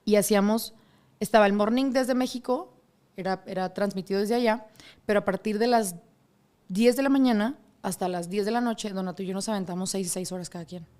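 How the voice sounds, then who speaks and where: A woman's voice: medium pitch, fairly quick. A woman, a radio host telling her story as a guest in a casual interview and acting out other people's voices. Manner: animated, acts out quoted voices.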